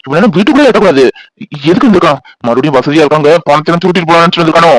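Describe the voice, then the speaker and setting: Man doing a grumpy middle-aged cartoon husband, snaps fast and sarcastic, dry close sound. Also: fairly high pitch, lively intonation, no room sound, lightly acted, rough recording. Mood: angry. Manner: scolding, sarcastic, rapid. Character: gruff resentful husband, middle-aged, quick-tempered.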